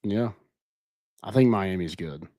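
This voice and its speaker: A man's voice: deep voice, expressive, slow, warm tone, no echo. A man co-hosting a podcast, chatting casually about college football and telling stories animatedly. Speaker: podcast co-host. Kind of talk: casual sports chat.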